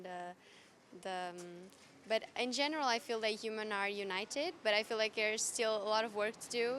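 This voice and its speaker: A young woman from Portugal answering a street interview outdoors, thoughtful and halting. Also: a little high, a bit bright, a little hiss or hum.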